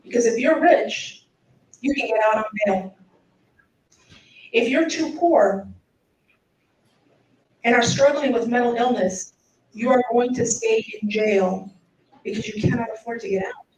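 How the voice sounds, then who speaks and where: A middle-aged Mexican woman, a public defender, speaks English from a podium and fields audience questions in a slightly high, earnest, persuasive voice. Her tone is somewhat dark and her pace unhurried, with long pauses. The sound is echoey and distant from the mic, with faint room noise behind her.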